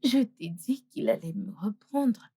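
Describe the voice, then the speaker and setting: A woman's voice: mid-range voice, animated, measured pace, dark tone, slightly rough, no echo, clean studio sound. An actress playing a spiteful pregnant woman who mocks and insults a rival in a dubbed film. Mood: taunting. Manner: mocking, insulting, triumphant.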